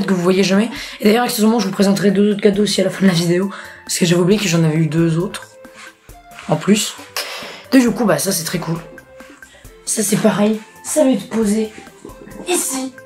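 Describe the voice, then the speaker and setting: A woman in a casual unboxing vlog, chatty and laughing often, swearing freely, with faint music behind her. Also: mid-range voice. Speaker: youtuber.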